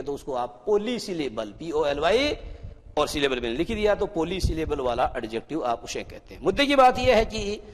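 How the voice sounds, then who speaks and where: Male teacher, high-pitched, asks and answers his own questions, reverberant hall sound. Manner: explains slowly, asks pupils questions and answers them himself. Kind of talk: classroom grammar lesson.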